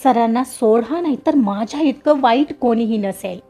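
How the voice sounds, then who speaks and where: A woman's voice: on the high side, normal speed, dark tone, faint music behind. A woman voicing a loyal young male assistant who urgently steps in to protect his boss in a storybook reading.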